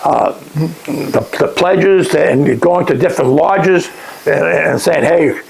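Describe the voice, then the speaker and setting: An older man, recalling lodge days in a casual interview, halting and restarting often. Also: fairly high pitch, vocal fry, low-quality recording. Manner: halting, many restarts, chuckles at his own remarks. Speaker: interviewee, past lodge master. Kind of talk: casual oral-history interview.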